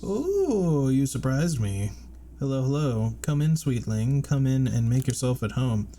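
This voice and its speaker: Man playing doting female game shopkeeper: raised pitch, sweet, chatty, welcoming; faint noise. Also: big pitch swings, a little slow, dark tone. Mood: sweetly welcoming. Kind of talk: reading game dialogue in character.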